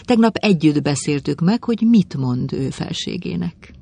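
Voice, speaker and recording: Reader putting on a lovesick madame, gushy and adoring, husky gravelly voice. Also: medium pitch, expressive, darkish tone. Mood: bright. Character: adoring, submissive middle-aged woman.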